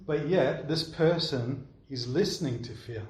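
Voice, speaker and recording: A man with a somewhat high voice preaches in a relaxed, conversational way, often pausing to check in with his listeners. His voice carries a roomy echo from a church hall. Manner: conversational, keeps checking in with "all right?". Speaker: pastor. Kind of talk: sermon answering congregation questions.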